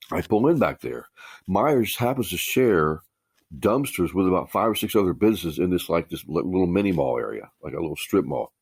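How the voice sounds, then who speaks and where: A man's voice: low-pitched, a little mellow, husky, no room sound. A man in his sixties from Ohio, leaving a voicemail message as a caller and telling his own story in a rambling, casual way, often restarting mid-sentence. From Ohio, USA. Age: 60s. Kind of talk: casual first-person storytelling.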